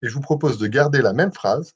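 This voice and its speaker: A young man with a breathy, slightly husky voice leads a live self-hypnosis session at a middle pitch. He talks gently, with frequent hesitations and restarts. The sound is muffled and lo-fi, like a webcam livestream. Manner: gentle, measured, with many hesitations. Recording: dull lo-fi livestream audio.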